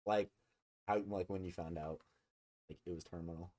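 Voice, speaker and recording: A man's voice: deep voice, fairly even intonation, moderate pace, warm tone. A man co-hosting a podcast, asking questions and making joking asides in casual chat. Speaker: podcast co-host.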